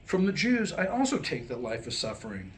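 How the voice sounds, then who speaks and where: An American writer-performer reads his own new comic script as a staged monologue before a small live audience. He is wry and self-deprecating, pausing deliberately around punchlines, his voice on the high side with wildly swooping pitch. The live room recording is noisy.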